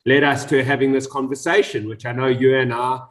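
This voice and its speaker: A man's voice: mid-range voice, little pitch movement, fairly quick. A man co-hosts a casual discussion in an ordinary mid-range voice. He is easygoing and self-deprecating, with loose, chatty phrasing. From South Africa. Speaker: co-host. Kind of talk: casual panel chat.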